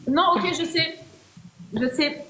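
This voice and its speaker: A woman hosting a live stream keeps a casual, playful chat going, with many fillers and restarts. She speaks slowly in a high, fairly bright voice, with slight background noise and a roomy echo.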